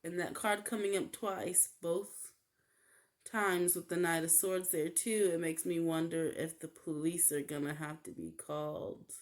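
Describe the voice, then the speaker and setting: A woman giving a casual tarot reading, talking in a halting way with many fillers. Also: lowish voice, steady tone. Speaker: tarot reader.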